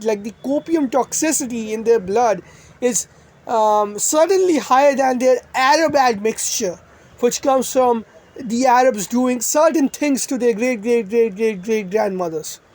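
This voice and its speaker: A young adult rants through an online commentary, sarcastic and profane. The delivery rambles with restarts and asides at a middling pitch. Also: a little mellow. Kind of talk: ranting commentary vlog.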